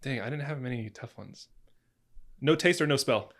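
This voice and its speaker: Young male podcast co-host, average pitch, casual and jokey, breaks into laughs and trails off. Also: moderate pace, fairly bright tone. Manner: jokey, laughs often, trails off mid-sentence.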